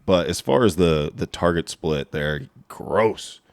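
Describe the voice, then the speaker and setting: A man's voice: sits low, takes it slowly, clean tone, dry recording, clean studio sound. A man co-hosting a fantasy football podcast, talking casually with bold opinions and some swearing. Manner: animated, swears, bold predictions. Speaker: podcast co-host.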